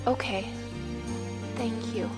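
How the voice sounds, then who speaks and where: A woman's voice: on the high side, steady tone, slow, over loud music. A woman playing a haughty, theatrical young alien villain princess in an anime parody drama. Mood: shaken.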